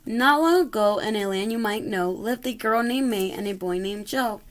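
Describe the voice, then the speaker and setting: A woman's voice: medium pitch, normal speed. A woman reading a rhyming children's story aloud expressively, occasionally stumbling over a word. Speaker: storybook reader.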